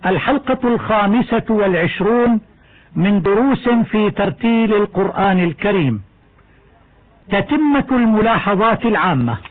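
Brief: male teacher with a high voice, reading a recitation lesson in a measured way, tinny phone-like sound. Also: lively intonation. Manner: measured, deliberate delivery, slowing to a drawn-out chant for examples. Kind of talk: scripted lesson narration with chanted verse examples.

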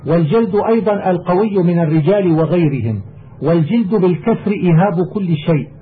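High-voiced man reciting over tinny audio. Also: breathy edge. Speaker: teacher reading a lexical text. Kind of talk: reciting verse and reading commentary. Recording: tinny phone-like audio with faint hiss.

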